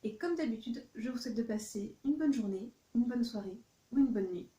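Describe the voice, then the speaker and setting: A woman's voice: on the high side, lively intonation, fairly quick, warm tone, reverberant. A woman vlogging from her home office, chatting through a shopping haul with many hesitant fillers. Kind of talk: casual haul vlog.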